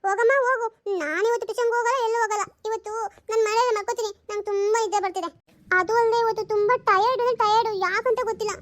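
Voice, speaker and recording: A woman's voice: very high-pitched, fairly even intonation, very fast, voice pushed up. A woman playing a sulky, sleepy young daughter who whines and pleads in a comedy sketch. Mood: whiny sleepy. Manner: whiny, pleading.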